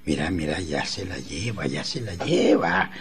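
A man's voice: deep voice, expressive, normal speed, heavy background noise. A man voicing an older uncle who whispers gossip while spying, in a comic radio drama.

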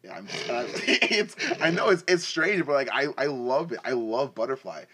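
Guesting on a podcast, a twenty-something football player who grew up in West and East Africa before moving to Canada recounts his story through casual, slangy banter. His mid-range voice is bright and forceful, slightly rough, with lively intonation at normal speed.

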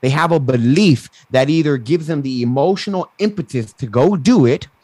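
A man's voice: fairly high pitch, moderate pace, a little mellow, no echo. A man with a lisp who says w for r, explaining ideas emphatically as a coach and interview guest. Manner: emphatic, mild swearing, acts out quotes. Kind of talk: animated explanatory interview talk. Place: indoors, online video call.

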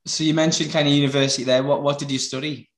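A man's voice: a little high, flat delivery, fast, roomy sound. A man interviewing casually, with hesitant questions full of "kind of". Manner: hesitant, many "kind of" fillers.

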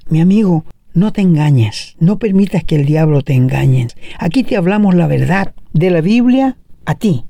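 A man's voice: a little high, expressive, moderate pace, gravelly, dark tone, dry recording. A middle-aged man with a Chilean Spanish accent, preaching an earnest sermon and speaking directly to his listeners.

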